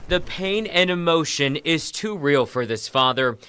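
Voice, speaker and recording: A male television reporter delivers a news segment in a solemn voice. His pitch sits in the middle, and he keeps to an even, professional broadcast delivery. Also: unhurried, smooth, no room sound, studio quality.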